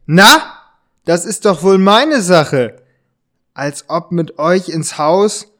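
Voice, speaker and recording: A man voices a sly, mock-stern gentleman questioning intruders in an amateur audio drama. His high, expressive voice is heavily acted, his delivery halting and stretched out, and the scene feels menacing.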